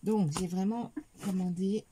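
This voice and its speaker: A woman's voice: mid-range voice, background noise. A middle-aged woman chatting casually in a craft haul video, hesitant with many fillers, talking to viewers as she shows each item. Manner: talks to viewers while showing items. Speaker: craft vlogger.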